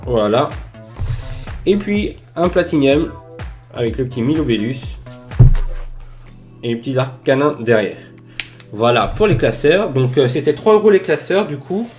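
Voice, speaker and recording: Male vlogger, mid-pitch, chatty and enthusiastic with lots of fillers, desk mic, faint music bed. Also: big pitch swings, unhurried, long pauses, a little mellow. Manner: enthusiastic, many fillers and "voilà". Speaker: YouTuber showing flea-market finds. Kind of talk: casual collector vlog. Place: indoors under filming lamps. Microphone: desk microphone near camera.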